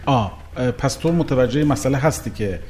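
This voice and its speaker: A male interviewer of medium pitch asks question after question in a persistent, searching way. He often repeats the other person's answers back before pressing further. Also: lively intonation, a little mellow. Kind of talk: probing interview.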